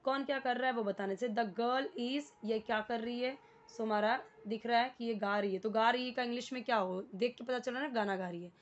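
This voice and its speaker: A patient woman teacher with an Indian accent walks through a worksheet, repeating words and spelling them out letter by letter. Her voice sits fairly high, and the recording sounds a little dull and muffled. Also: steady tone, fast. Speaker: English teacher. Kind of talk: explaining a worksheet lesson.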